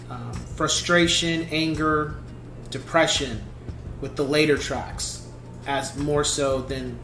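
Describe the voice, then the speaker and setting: A man's voice: on the high side, a bit bright. Man musing in an echoey room. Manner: halting, thoughtful, many restarts. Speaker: album reviewer. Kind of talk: casual spoken album review. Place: small home room, seated indoors.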